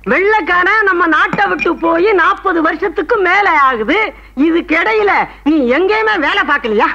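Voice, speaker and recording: A man's voice: extremely high pitch, lively intonation, normal speed, bright, forceful tone, highs cut off, heavily acted. An actor playing a cheeky man who teases an old man in a comedy film. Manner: cheeky, teasing.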